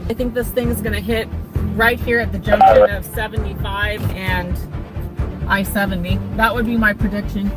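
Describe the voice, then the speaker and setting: A woman's voice: medium pitch, steady tone, moderate pace, loud music behind the voice. A woman giving live storm-chase commentary from inside a car, thinking aloud and repeating words for emphasis. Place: inside a moving or parked car.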